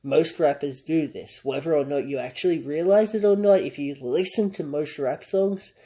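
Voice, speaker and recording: A man's voice: fairly high pitch, moderate pace, mellow. A man hosting a reaction commentary, talking through song lyrics in a conversational, analytical way and chuckling often. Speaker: commentary channel host.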